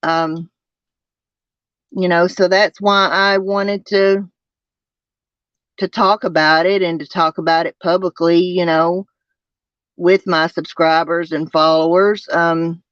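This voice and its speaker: A person with a twangy Southern US accent, chatting casually to a livestream, haltingly and with repeated phrases. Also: mid-range voice, little pitch movement, a bit bright, dry recording. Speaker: livestream host. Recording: dull lo-fi sound.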